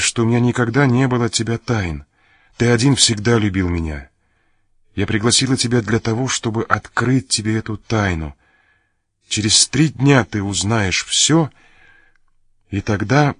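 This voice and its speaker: A man reading the part of a gravely ill young noblewoman who speaks in a soft, pleading, tearful way. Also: on the low side, dry recording, studio quality.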